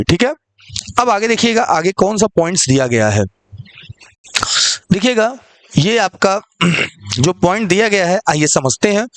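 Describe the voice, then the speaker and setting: A man's voice: high-pitched, no echo. A male teacher giving an online exam-prep lecture, posing questions to the class and answering them himself, with frequent check-ins. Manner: repeats "ठीक है" often.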